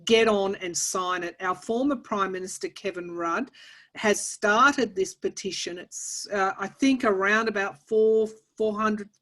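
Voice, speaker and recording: A woman's voice: mid-range voice, unhurried, fairly bright tone. An Australian woman hosting a spiritual channel, talking casually with many restarts and fillers. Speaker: tarot channel host. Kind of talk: casual conversation.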